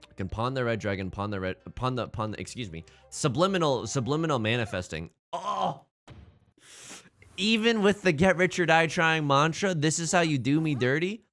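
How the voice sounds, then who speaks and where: A man's voice: medium pitch, animated, a little fast, hardly any pauses, a bit bright, faint music behind. A man commentating on his own game live, thinking aloud casually with joking, mock-dramatic asides. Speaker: gaming streamer.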